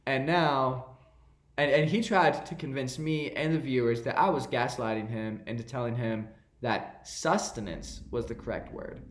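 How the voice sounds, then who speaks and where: A man co-hosting a podcast, teasing his friend with animated, mock-indignant banter. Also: medium pitch, moderate pace. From New York. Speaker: podcast co-host. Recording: roomy echo.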